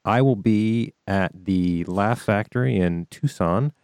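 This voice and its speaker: A man hosting a podcast, joking and reading off plugs in a deadpan way. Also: lowish voice, slow, smooth, no echo. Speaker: podcast host. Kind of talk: casual chat.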